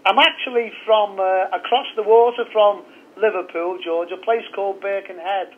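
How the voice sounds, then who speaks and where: A man's voice: high voice, steady tone, moderate pace. A middle-aged man, talking openly and chattily as a guest in an interview by phone. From north of England. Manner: candid, chatty storytelling. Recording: tinny phone line.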